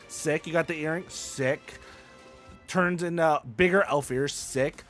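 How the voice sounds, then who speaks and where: A man's voice: high-pitched, a bit bright. A young man hosting casual gaming commentary, hyped and playful, full of slang and repeated phrases. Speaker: gaming YouTuber host.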